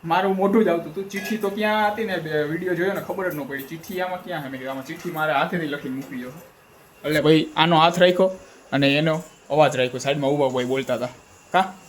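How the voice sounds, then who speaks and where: A man's voice: fairly high pitch, fast, poor audio. A young man, chatting casually and teasing his family in a home vlog. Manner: playful, teasing banter. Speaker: family vlogger.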